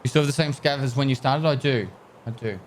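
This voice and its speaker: Playing a game on a livestream, an Australian man talks casually through his headset mic, hesitating and letting sentences trail off as he thanks his viewers. His voice is mid-range and quick. There's a little hiss or hum.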